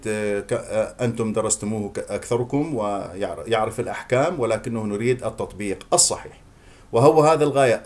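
A man's voice: on the low side, a little mellow. Male Quran teacher drilling recitation. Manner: slow drawn-out demonstration of words, then quick explanations; corrective, repeats wrong and right forms. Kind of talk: tajweed recitation lesson.

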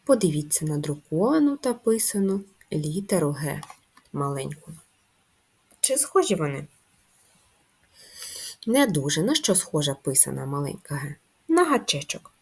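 Woman, primary school teacher, children's handwriting lesson, low-pitched, slightly husky voice. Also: big pitch swings. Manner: slow, gentle and instructive, addressing young pupils.

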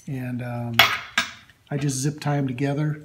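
A man hosting a workshop video, casually showing his tools in a slow, halting way with lots of ums and uhs. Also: mid-range voice, level tone, heavy background noise. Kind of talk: casual show-and-tell of tools. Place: indoor workshop at a metal bench. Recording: loud clatter of metal tools.

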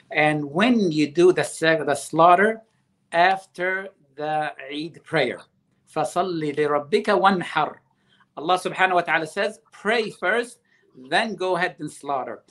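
High-voiced man teaching religion. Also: fairly bright tone. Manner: earnest, explains slowly, weaves in Arabic phrases. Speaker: religious scholar guest.

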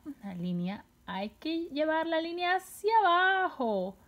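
A woman teaching a children's phonics lesson, sounding out syllables slowly and stretching the words, with playful, exaggerated surprise. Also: extremely high pitch, big pitch swings, dull audio. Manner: slow, drawn-out sounding of syllables.

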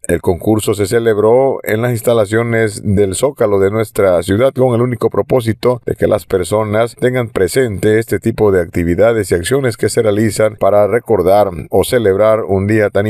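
Male Mexican reporter, lowish voice, scripted news voice-over, dry close mic. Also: normal speed, hardly any pauses, warm tone, no room sound. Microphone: close voice-over microphone.

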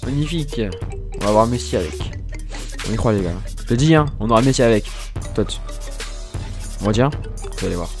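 A man's voice: mid-range voice, animated, fairly quick, pauses often, soft background music. A man doing casual, self-mocking commentary while opening game packs, stammering and laughing often. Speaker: gaming YouTuber.

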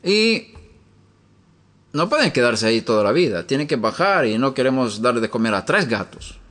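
A man's voice: medium pitch, big pitch swings, moderate pace, a bit bright. A man preaching in a teaching style from a room upstairs in his home. He asks many rhetorical questions and tells homely stories.

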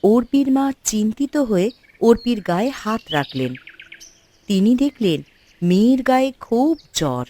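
A woman giving expressive, scripted storybook narration for a cartoon. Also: fairly high pitch, unhurried, slight background noise.

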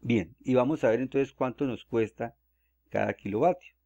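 A man from Colombia, calmly walking through cost calculations step by step in a screen-recorded tutorial. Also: mid-range voice, normal speed, gravelly, no room sound, dull audio. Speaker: solar energy explainer.

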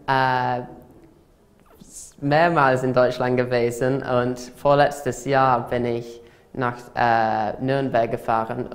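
A teenage schoolboy talks about his studies in careful learner's German. He pauses often and reaches for fillers, his plain. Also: medium pitch. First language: English. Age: teens. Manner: hesitant, with fillers. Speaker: student. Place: classroom, indoors.

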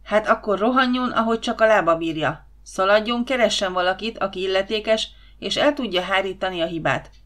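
A woman voicing an irritable older male boss who is near retirement and barks orders loudly at a guard. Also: on the low side, animated. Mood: irritable shouting. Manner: loud, impatient, barking orders.

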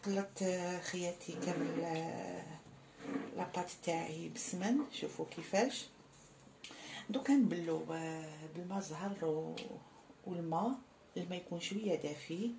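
A woman's voice: on the low side, creaky, a little mellow, slight background noise. Algerian woman teaching a recipe. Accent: Algerian Arabic. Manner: friendly, addresses viewers as sisters. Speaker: cooking channel host. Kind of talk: cooking tutorial.

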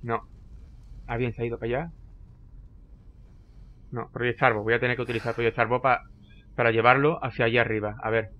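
Excitable man narrating his own gameplay. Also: medium pitch, fairly quick, long pauses, lo-fi sound. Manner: excitable, frequently repeating short phrases under pressure. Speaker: gameplay commentator. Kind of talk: live gameplay commentary.

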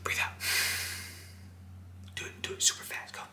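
Male in his twenties, fast whispering ASMR, very bright and hissy, breathy, aggressive and insistent, roomy sound. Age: 20s. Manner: aggressive, insistent, clipped and repetitive, addressing the listener directly. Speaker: ASMR host. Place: small indoor room.

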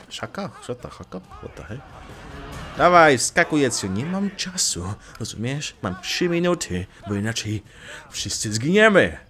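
A young man narrating his own gameplay in a loose, playful way, tossing light curses and teasing jabs at the characters on screen. His pitch jumps around a lot between excited outbursts and mumbled asides, at an ordinary middle pitch. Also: measured pace. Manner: playful, swears lightly, jokes and talks back to game characters. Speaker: let's play gamer. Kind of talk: casual gameplay commentary.

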